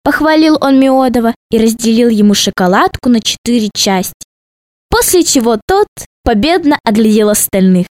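A woman narrating a children's storybook in a playful, expressive way. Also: on the high side, normal speed, no room sound.

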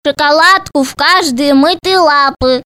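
A little male zok creature squeaks out his clever tricks, as a woman reading the story puts him on. His voice sits very high and bright, full of childlike cheek. He sounds eager and pleased with himself. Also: measured pace.

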